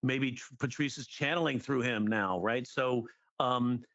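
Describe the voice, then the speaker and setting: A middle-aged man, a guest comedy writer and teacher, in casual podcast chat, lively and acting out jokes as he explains them. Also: mid-range voice, a little slow, no echo, muffled recording. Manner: animated, acts out jokes and quotes.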